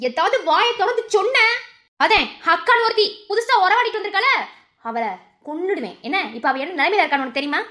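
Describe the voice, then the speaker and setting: An overbearing scolding mother, very high, rapid-fire, bright voice. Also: expressive, heavily acted. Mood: harsh. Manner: scolding, harsh. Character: domineering mother forcing her daughter's marriage. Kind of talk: TV serial acting.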